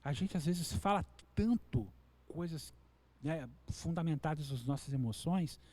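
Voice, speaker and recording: A man preaching a sermon with a Brazilian Portuguese accent, earnest and direct, acting out quoted people in a higher voice. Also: animated, measured pace, darkish tone. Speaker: pastor.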